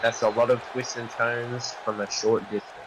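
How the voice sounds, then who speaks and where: A man works as a wrestling commentator, with a mid-pitched voice. He calls moves in a dramatic, excitable play-by-play style, often posing questions. The recording is noisy, with clear ambient sound behind him. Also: moderate pace.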